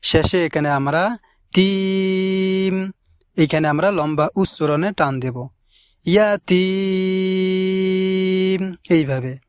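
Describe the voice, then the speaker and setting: Male recitation teacher, high voice, very slow stretched words, smooth and clear, dry close sound. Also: no echo. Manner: drawn-out slow recitation of each word, quicker spoken explanations. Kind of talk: recitation lesson.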